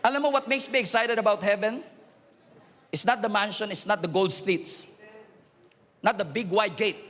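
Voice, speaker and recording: A middle-aged Filipino pastor preaches to his church with a very high, bright and forceful voice, mixing Tagalog and English. He urges the crowd to raise their hands and climbs into shouts. The long reverb of a large church hall trails each phrase. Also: moderate pace. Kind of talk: preaching a sermon to a congregation.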